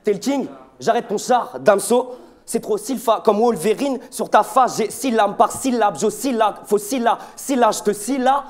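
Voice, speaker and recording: A man's voice: high-pitched, moderate pace. A young man from Belgium spitting aggressive, taunting rap battle verses without a beat. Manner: aggressive, taunting, punchy delivery. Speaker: battle rapper.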